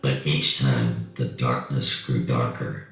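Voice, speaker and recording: An anonymous speaker whose voice is electronically disguised, pushed extremely low with a gravelly, grinding fry. It sounds distant and drenched in heavy echo, with clear music playing underneath. The delivery is slow and solemn. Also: flat delivery, fairly bright tone. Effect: voice electronically altered to sound very deep. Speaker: anonymous guest telling a personal story. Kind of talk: slow, solemn personal testimony.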